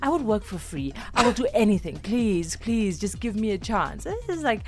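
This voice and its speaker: A young South African woman speaking with a South African English accent as a journalist guest in a radio studio, telling stories in an animated, laughing way with lots of restarts. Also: medium pitch, normal speed, soft background music. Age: young adult. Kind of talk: casual radio interview storytelling.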